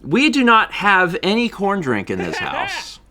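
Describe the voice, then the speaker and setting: A man's voice: sits high, huge pitch swings, a little slow, crowd noise. A man chatting casually on his livestream, laughing often and reading out viewer donations. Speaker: streamer.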